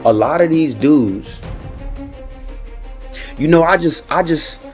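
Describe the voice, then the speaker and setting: A man with a fairly high voice gives a loose, casual reaction commentary. He circles back on his points and keeps asking the listener if they follow, while faint music plays underneath. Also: animated, slow, a little mellow, muffled recording. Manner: conversational, repeats himself, frequent "you know what I'm saying".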